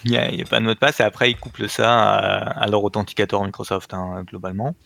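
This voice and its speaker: A man co-hosting a tech podcast, presenting news in a relaxed, halting way. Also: fairly low pitch, creaky, no room sound. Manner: relaxed, halting, many fillers. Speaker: podcast co-host. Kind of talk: casual tech news segment.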